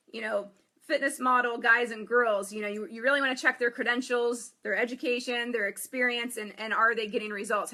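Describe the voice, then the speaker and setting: Woman, fitness coach, high pitch, bright tone, emphatic, repetitive sales pitch. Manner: repetitive, upbeat, emphatic with frequent "okay?". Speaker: fitness coach and gym owner. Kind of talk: promotional webinar pitch.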